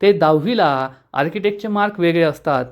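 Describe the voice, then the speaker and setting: Man voicing an earnest young woman, polite, confident, higher pitch. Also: brisk, highs cut off, lightly acted.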